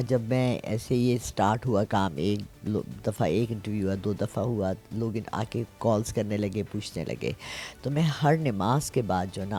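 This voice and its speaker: An older woman in her sixties talks in an interview about her work reading palms. She tells her stories with animation, often pausing to check that her listener follows. Soft music plays faintly beneath her voice. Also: a bass voice. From Pakistan. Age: 60s. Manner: animated storyteller, frequent "theek hai?" check-ins. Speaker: palm reader and astrologer. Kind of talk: casual interview.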